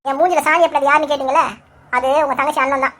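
Woman doing a sharp-tongued mother-in-law type in a cartoon, high-pitched and fast, bossy and sarcastic. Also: fairly even intonation. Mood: accusing. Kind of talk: cartoon voice acting.

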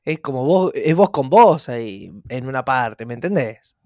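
A man's voice: mid-range voice, expressive, unhurried, darkish tone, dry recording, studio quality. An Argentine man co-hosting a podcast, teasing his partner playfully and laughing often in casual chat. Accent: Argentine Spanish. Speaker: podcast co-host.

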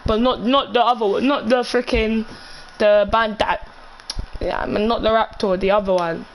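A man's voice: sits high, steady tone, normal speed, a little hiss or hum, poor audio. A young man with a London roadman accent and slang, bantering casually while streaming a game.

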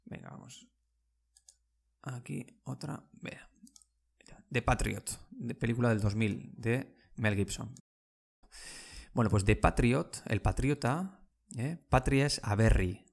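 Slow, gravelly-voiced man teaching a language. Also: medium pitch. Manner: explains slowly, repeating words and checking in with "¿vale?". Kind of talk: casual language lesson.

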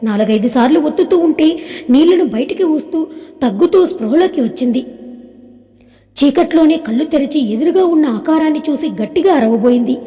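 A woman reading a scripted story aloud in a calm, even storytelling manner, with a long echoing reverb. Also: sits high, a little fast.

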